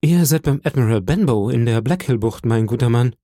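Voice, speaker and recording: A man's voice: mid-range voice, animated, brisk, dark tone, dry recording, studio quality, lightly acted. A man voicing a frightened young boy in an audiobook, pleading tensely and anxiously. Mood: scared.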